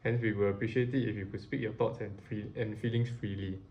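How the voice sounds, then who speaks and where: Low-voiced man moderating a test. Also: fairly even intonation, fast talker, highs cut off, a little hiss or hum. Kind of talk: reading a briefing and giving task instructions.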